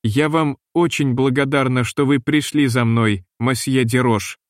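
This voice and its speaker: A gentle young lady, as a male reader puts her on speaks softly and slowly. The voice stays in a man's middle range and is recorded dry. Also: mid-range voice, steady tone, dry recording, close to an everyday voice. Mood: admiring. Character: young woman passenger, gentle and refined.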